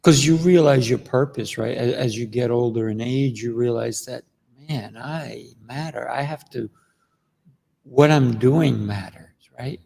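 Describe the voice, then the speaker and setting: A man hosts a podcast interview in a gravelly voice that rings with long reverb. He sounds enthusiastic and affirming, and he often trips over the first sounds of his words. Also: medium pitch, unhurried, warm tone. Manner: enthusiastic, affirming, stumbles on word starts. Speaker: podcast host, coach.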